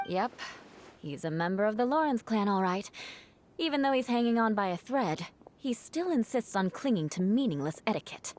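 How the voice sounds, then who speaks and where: A woman's voice: medium pitch, animated, normal speed, a little mellow, natural voice. A woman voicing a cool cutting noblewoman. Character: proud, cool young noblewoman fighter. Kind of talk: game voice acting.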